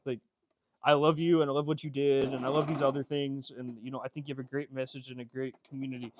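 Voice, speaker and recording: Here a male fashion designer talks loosely on stream, responding to viewers and wandering through thoughts full of fillers and false starts. He speaks at medium pitch in a level tone and at a quick pace, with background noise present.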